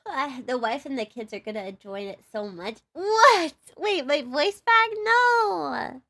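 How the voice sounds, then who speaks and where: Young woman, Texan accent, high bright voice, bubbly, rambling, casual live-stream chat. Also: big pitch swings, normal speed. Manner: bubbly, giggly and rambling, full of "like". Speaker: livestreamer and VTuber.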